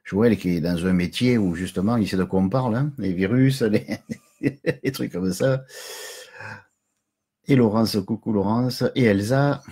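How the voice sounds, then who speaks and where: A man's voice: fairly low pitch, moderate pace, hardly any pauses, mellow, breathy edge. A middle-aged man hosting a casual live stream from home, chatty and jokey, greeting viewers and chuckling often.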